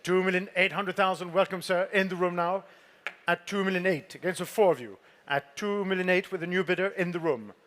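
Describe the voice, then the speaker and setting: A man with a high-pitched voice conducts a live sale as a fine art auctioneer. He calls out figures and repeats them in a formal, poised delivery, politely prompting bidders in the saleroom. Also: fairly quick, a bit bright.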